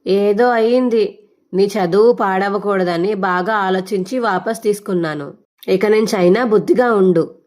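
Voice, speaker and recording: A woman voicing a proud, sharp-tongued middle-aged mother who scolds indignantly. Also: medium pitch, unhurried, lightly acted. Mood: grudging.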